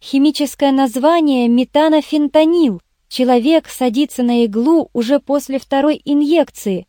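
A woman's voice: high-pitched, moderate pace, mellow, dry recording, studio quality, voice pushed up, lightly acted. A woman voicing a young female detective's assistant who purrs and pleads in a coaxing way in an audiobook. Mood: eager. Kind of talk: audiobook character voice.

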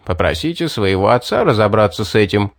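A man doing a weary, gruff town judge. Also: fairly low pitch, sing-song, fairly quick, no echo, studio quality. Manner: gruff, sighing and matter-of-fact. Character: weary, blunt middle-aged town judge.

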